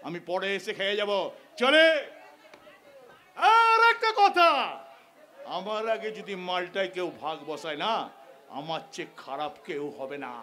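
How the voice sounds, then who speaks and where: A man's voice: high-pitched, a bit bright. A man playing a lecherous, corrupt police officer who swaggers and swears, in live folk-theatre style. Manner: coarse, swaggering, swears constantly. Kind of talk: live jatra stage acting.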